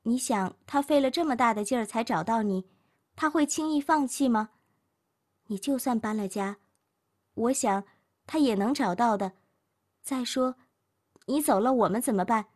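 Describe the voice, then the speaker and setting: A woman's voice: a little high, moderate pace, pauses often, lightly acted. A woman doing an earnest young woman consoling her friend. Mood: coaxing. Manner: gentle, persuasive.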